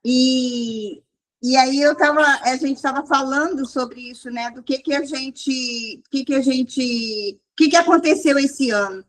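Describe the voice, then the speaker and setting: A woman's voice: high voice, takes it slowly. A woman sharing a casual, rambling testimony with a church group, restarting often. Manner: rambling, restarts often, quotes people in raised voice. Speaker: group leader.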